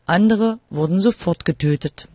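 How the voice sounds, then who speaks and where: Man, documentary narrator, solemn, measured read, slightly higher voice. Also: warm tone, no echo. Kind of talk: scripted narration.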